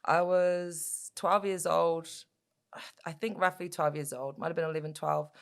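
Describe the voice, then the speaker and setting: A woman in her thirties with a New Zealand accent, chatting casually as an interview guest, talkative and quick to laugh. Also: on the low side, fairly even intonation, gravelly. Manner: chatty, laughs easily, lots of fillers. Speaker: guest, MMA fighter. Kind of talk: casual chat.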